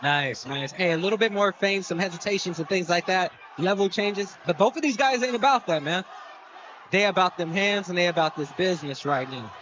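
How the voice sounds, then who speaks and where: A man doing casual live boxing commentary, excitable and streetwise, repeating phrases and tossing in coaching tips. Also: high-pitched, a little fast. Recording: muffled mic amid noisy fight crowd. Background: fight crowd.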